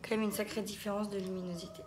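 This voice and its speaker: A woman's voice: mid-range voice, level tone, fast talker, a crowd in the background. A woman hosting a makeup tutorial, narrating each step with little interjections and the odd whisper.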